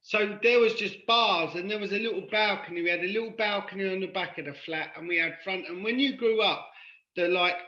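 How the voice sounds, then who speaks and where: London-accented man, bright and rambling. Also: high-pitched, brisk, echoey room, highs cut off. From Ireland. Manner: rambling, often asks "do you know what I mean?". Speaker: guest. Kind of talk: casual conversation.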